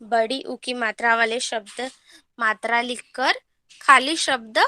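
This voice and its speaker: A woman teacher giving an online Hindi lesson to children, reading words slowly and repeating them for her pupils. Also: on the high side, fairly even intonation, pushed and bright, dry recording.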